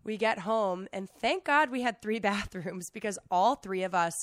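Casting: American woman around thirty, sick hoarse voice, animated casual storyteller, close dry sound. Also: mid-range voice, normal speed, no room sound. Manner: animated storytelling with many fillers of "like". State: sick, hoarse, losing her voice. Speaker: podcast host. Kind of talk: casual chat, telling a travel anecdote.

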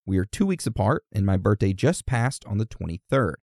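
A man's voice: fairly low pitch, sing-song, brisk, darkish tone, dry recording, clean studio sound. A man co-hosting a podcast, reading listener birthday messages in a casual, teasing, easily amused way. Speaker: podcast co-host.

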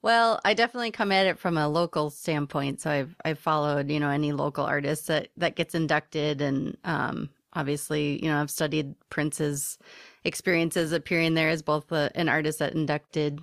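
A woman's voice: low-pitched, steady tone, moderate pace, no echo, clean studio sound. A woman speaking as a podcast guest in a casual interview about her work. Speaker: podcast guest, music journalist.

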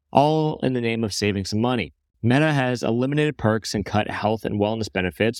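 A man hosting a business news podcast, reading a script briskly and dropping wry joking asides. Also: medium pitch, no echo, studio quality. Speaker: podcast host.

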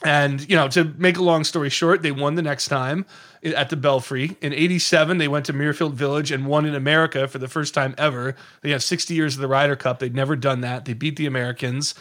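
Lively, raised-voiced man telling stories. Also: a little high, a little fast. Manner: lively, digressive storyteller who slips into quoted voices. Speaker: podcast guest. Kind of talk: casual storytelling on a podcast.

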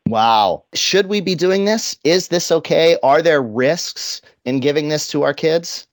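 A man's voice: fairly high pitch, lively intonation, a little slow, dry recording, clean studio sound. Casual-sounding male radio interviewer. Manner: casual, uses "like" often.

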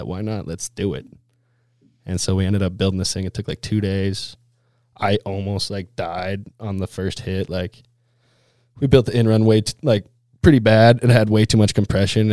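A man with a fairly low voice chats casually as a guest in a close, dry recording. He tells his stories in loose, laid-back snowboarder slang, leaning on "like" and "dude" as he goes. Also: darkish tone, no room sound. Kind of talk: casual chat, storytelling.

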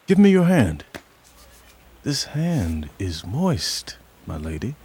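An actor playing a jealous, suspicious army general in a radio play, speaking slowly and intensely, with sudden whispers and shouts. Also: male voice, on the low side, wildly swooping pitch, a little hiss or hum, exaggerated voice.

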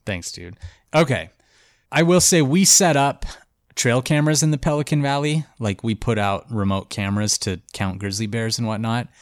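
With a mid-range voice at normal speed, a male podcast host who sounds congested tells a story in a casual, chatty way, peppered with "like" and "um." The recording is dry with clean studio sound.

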